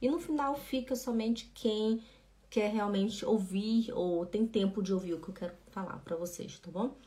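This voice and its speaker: A woman's voice: medium pitch, normal speed, mellow. A woman giving a live-streamed German lesson, chatting with viewers and patiently repeating words. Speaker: German teacher.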